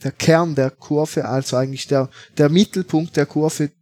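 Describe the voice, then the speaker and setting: Speaking in a slightly high but flat voice, this Swiss podcast guest, a football fan, gives a relaxed interview. He comes across as halting and unsure, full of fillers and restarts.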